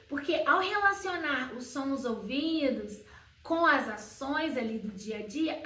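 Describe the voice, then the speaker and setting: A woman homeschooling educator explaining to parents, slowly posing questions and answering them herself. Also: a bit bright. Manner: sings baby words in a high sing-song voice. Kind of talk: educational video talk to parents. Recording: roomy echo, slightly far from mic.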